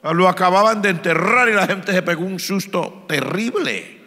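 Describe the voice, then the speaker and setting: Colombian pastor preaching, bright and high. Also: male voice, normal speed, in a large hall. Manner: storytelling, acting out Bible scenes, swings between hushed and loud. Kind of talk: Pentecostal sermon. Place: church.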